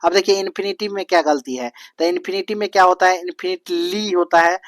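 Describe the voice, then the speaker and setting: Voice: mid-range voice, a little fast, no room sound. A coaching teacher lecturing on spelling, spelling words out letter by letter, repeating them and asking rhetorical questions. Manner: repetitive, drilling tone.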